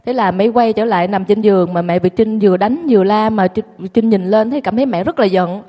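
A woman's voice: mid-range voice, fast, mellow, big-room sound. A woman telling her childhood story to an audience in a candid, self-mocking way. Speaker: guest recounting her childhood.

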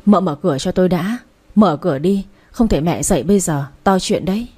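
A woman's voice: fairly low pitch, fairly quick, darkish tone, slightly rough. Woman reading a coaxing young husband. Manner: coaxing, insistent. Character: young husband, pleading and teasing his wife.

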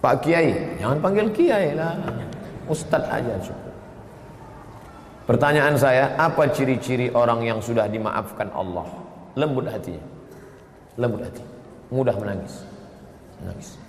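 A man giving a lively sermon, telling stories and breaking into chanted phrases. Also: medium pitch, measured pace, long pauses, a little hiss or hum. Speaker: preacher. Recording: echoey hall with faint ambience.

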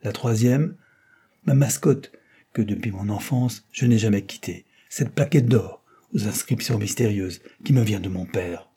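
A man reading the part of a cheerful young male aviator in an audiobook, animated and exclamatory, with a husky voice. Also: lowish voice, a little slow.

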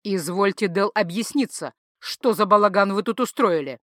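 A woman's voice: medium pitch, moderate pace, a bit bright, dry recording, studio quality, lightly acted. A woman voicing a weary male magic-police chief who speaks with barely restrained irritation. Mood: irritated.

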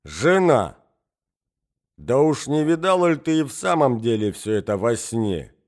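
A man's voice: medium pitch, big pitch swings, unhurried. A man reading an audiobook, voicing a dim, self-important middle-aged husband. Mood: pompous.

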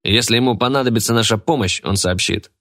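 A man's voice: medium pitch, fast, fairly bright tone, voice pushed up, natural voice. A man voicing a cool, curt male getaway driver.

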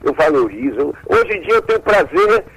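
Man, 70s, talkative joker, slightly high, very animated voice. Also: a little fast, low-quality recording. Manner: jokey, chatty, repeats words. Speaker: band member, guest. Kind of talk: radio interview.

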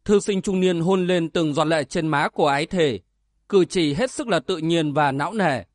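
A man narrates a martial arts novel as an audiobook, steady and dramatic. His voice sits fairly high for a man, and the recording is dry and close with no room sound. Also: normal speed, no room sound.

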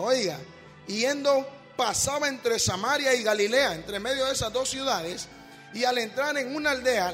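A male preacher giving a sermon, calling listeners brother and rising to shouts. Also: very high voice. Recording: long hall reverb with faint music.

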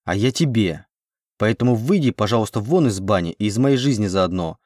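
A man reading an audiobook, voicing a proud, sharp-tongued young woman who answers with biting retorts. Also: on the low side, expressive, fairly quick, no echo, clean studio sound. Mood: angry.

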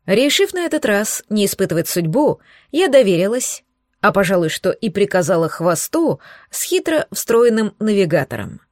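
A woman narrating a fantasy audiobook in a playful, expressive way, also voicing the heroine. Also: mid-range voice, normal speed, dry recording, studio quality.

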